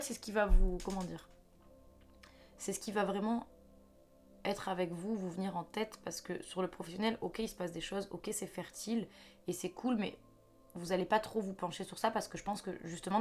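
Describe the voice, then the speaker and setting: Faint music accompanies a young woman whose lowish, slightly mellow voice moves fairly quickly with fairly even intonation. In a chatty, reassuring way, she gives an intuitive card reading to viewers, often restarting and using fillers.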